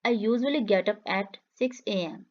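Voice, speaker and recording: A woman reading English practice questions and answers slowly for learners, saying each line twice in a clear, measured way. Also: mid-range voice, darkish tone, dull audio. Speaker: English teacher. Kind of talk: slow repeated phrase reading for learners.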